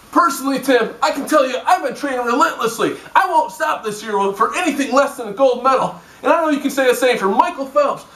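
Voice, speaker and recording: A man's voice: very high-pitched, fairly bright tone. A man playing a boastful, dim American Olympic athlete giving a declamatory parody news report. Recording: roomy echo, distant mic.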